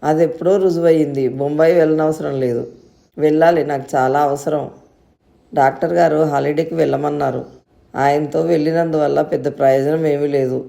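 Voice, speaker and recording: A woman's voice: sits low, fairly even intonation, normal speed, vocal fry, warm tone. A woman voicing a kind, wealthy woman friend in a storybook reading, generous and insistent.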